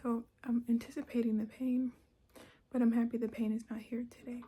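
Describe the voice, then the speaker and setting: A woman speaks with a thick swollen-tonsils voice, soft and dark, often slipping toward a whisper. Her pitch sits fairly high but moves little, and she sounds sore and careful as she talks casually to the camera. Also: flat delivery, brisk. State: sore swollen throat after tonsil surgery, effortful and tired. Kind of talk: personal recovery video diary, casual talk to camera. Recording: clear background noise.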